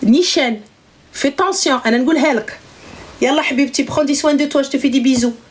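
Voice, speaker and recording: A young woman hosts a live chat in a high voice. She talks in animated, slangy bursts. She teases her callers and gives them blunt big-sister advice. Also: normal speed. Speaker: live stream host giving advice.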